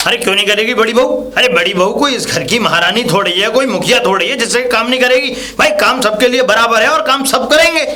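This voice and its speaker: A man's voice: very high-pitched, fast talker, few pauses, pushed and bright. A man playing a fair-minded village father-in-law who scolds and lectures his wife in a family comedy skit. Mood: scolding.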